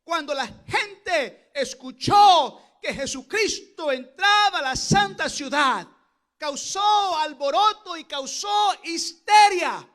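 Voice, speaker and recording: Male pastor, unusually high and bright tone, preaches with passion and frequent shouted peaks. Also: lively intonation, takes it slowly. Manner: impassioned, rising to shouted exclamations. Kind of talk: Pentecostal sermon. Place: church service.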